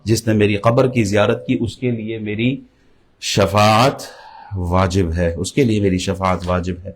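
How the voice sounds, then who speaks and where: A middle-aged man preaching a sermon, impassioned, slowing and rising on key lines. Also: on the low side, steady tone. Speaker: religious preacher.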